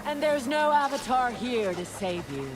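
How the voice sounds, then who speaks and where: A woman's voice: on the high side, very animated, normal speed. An actress playing a menacing female fighter who gloats over cornered opponents. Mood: gloating.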